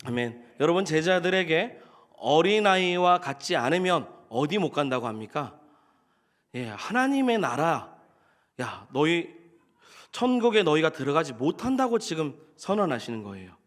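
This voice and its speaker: Korean pastor preaching, fairly high voice. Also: male voice, very animated, normal speed, fairly bright tone. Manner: asks the congregation questions, acts out quoted speech. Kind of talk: sermon.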